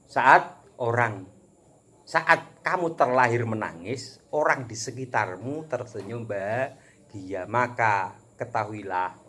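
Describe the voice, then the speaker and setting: A man with a Javanese accent giving a casual religious talk as a preacher, animated and joking, chuckling often. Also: medium pitch, takes it slowly. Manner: animated, chuckles often, mixes teaching with jokes.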